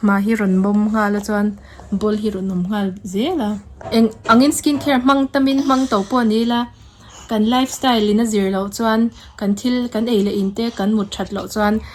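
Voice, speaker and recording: A woman's voice: medium pitch, steady tone, slow, darkish tone, slight background noise. A young adult woman vlogger, talking casually and chattily as she explains things to her viewers. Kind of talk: casual vlog chat.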